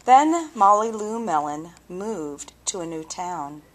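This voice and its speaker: A woman reading a children's story aloud with deliberate, expressive phrasing and dramatic pauses. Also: medium pitch, slight background noise, low-quality recording. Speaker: storybook reader.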